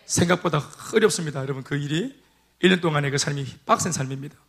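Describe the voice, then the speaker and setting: A man's voice: on the high side, expressive, fast, a bit bright. A man preaching a sermon, calling out for amens and hallelujahs. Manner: call-and-response preaching, repeated amens and hallelujahs. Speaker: pastor. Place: church sanctuary.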